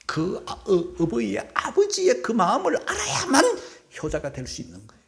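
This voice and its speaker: A male pastor delivers an emotional sermon in a high, gravelly voice. His pitch leaps and falls dramatically, swinging from cries to hushed whispers as he seeks the congregation's assent. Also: wildly swooping pitch, normal speed.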